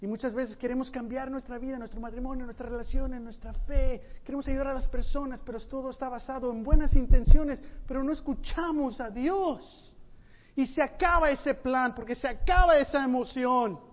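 A man preaching a sermon as a pastor, animated and full of rhetorical questions for the congregation. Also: very high-pitched, normal speed. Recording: muffled sound with long hall reverb.

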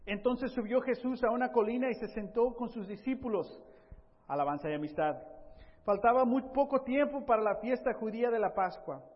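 A man preaching a sermon, lively, asking rhetorical questions and acting out Bible scenes. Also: very high-pitched, a little fast, in a large hall, muffled recording. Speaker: pastor.

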